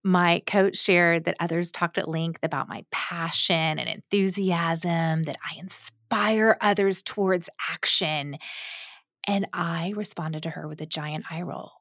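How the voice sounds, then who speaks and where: A woman hosts a podcast. She tells a personal story in an animated way and acts out the lines she quotes. Her voice sits low with a gravelly rasp, recorded dry and close. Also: a little slow, no echo. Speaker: podcast host. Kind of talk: storytelling monologue.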